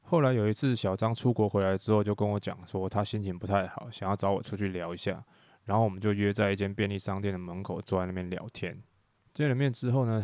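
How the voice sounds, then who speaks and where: A man's voice: lowish voice, a little mellow, no room sound. A man who works as a tour leader hosts a solo podcast, telling wry, chatty stories from his job. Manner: chatty, wry storytelling with quoted dialogue.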